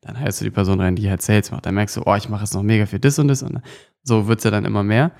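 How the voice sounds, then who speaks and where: A young man in his twenties talks freely as a podcast guest. His voice has a gravelly edge, and his sentences wander and stop partway through. He fills the gaps with hesitant sounds. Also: lowish voice, fairly even intonation, fast talker, a little mellow. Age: 20s. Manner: rambling, many fillers and restarts. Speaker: guest, agency founder and filmmaker. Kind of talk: casual podcast chat.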